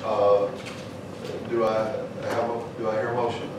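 A man chairing a formal committee meeting, speaking in a halting, procedural way. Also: lowish voice, level tone. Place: committee meeting room, indoors. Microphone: distant camera microphone. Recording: very echoey, noisy room, distant microphone.

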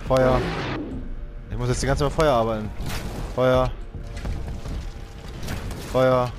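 A man's voice: steady tone, brisk, music in the background. A young man commentating his own video game playthrough, often frustrated and exclaiming as he plays. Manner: frustrated, exclaiming, shouts high-pitched for help in panic. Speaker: let's play gamer. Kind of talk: let's play commentary.

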